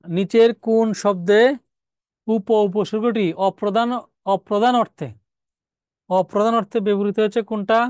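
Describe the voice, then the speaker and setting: A man's voice: high-pitched, steady tone, normal speed, pauses often, a little mellow, clean tone, no echo, clean studio sound. A man teaching a live exam-prep grammar lesson, explaining step by step, repeating key words and asking rhetorical questions. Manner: reads out student names and comments.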